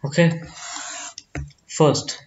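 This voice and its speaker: A man with an Indian accent teaching accounts, working step by step through an exam problem and deliberately repeating phrases. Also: darkish tone, lo-fi sound, slight background noise.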